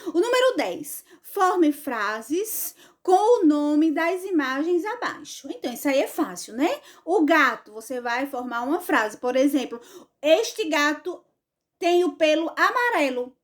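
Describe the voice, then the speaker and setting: A Brazilian woman teaching an online class in a high, singsong voice. She talks slowly and patiently, repeating each point and calling her pupils endearing names as she checks they understand. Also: very animated. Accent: Brazilian Portuguese.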